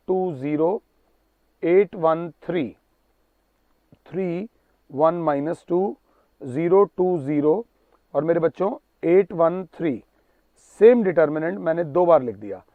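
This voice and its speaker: High-voiced emphatic maths teacher. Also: male voice, dry recording. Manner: emphatic, pleading, reads out numbers slowly. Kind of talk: classroom lecture. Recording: tinny narrow-band sound, dry.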